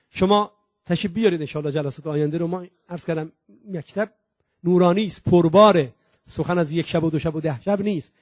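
A high-pitched man delivers an impassioned sermon, swelling to loud proclaiming and dropping to a hush, and he stretches out recited Arabic phrases. The recording is dry and dull, with a lo-fi edge. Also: no room sound. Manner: impassioned, swings between loud and hushed, slow drawn-out Arabic recitation. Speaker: preacher. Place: religious centre hall.

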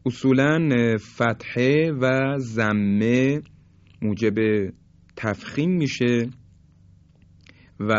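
A man teaches Quran recitation in a measured, explanatory way, stretching out each example word slowly. His voice sits in the middle range. It comes through a dry, muffled, lo-fi recording. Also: mid-range voice, no echo. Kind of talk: recorded instructional lesson for listeners. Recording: dull lo-fi recording.

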